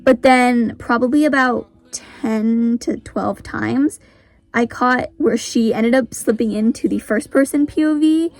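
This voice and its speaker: A woman's voice: fairly high pitch, a little slow, a little mellow, no echo. A teenage girl talking casually about writing in a vlog, saying "like" constantly. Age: teens. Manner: chatty, says "like" very often. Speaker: author.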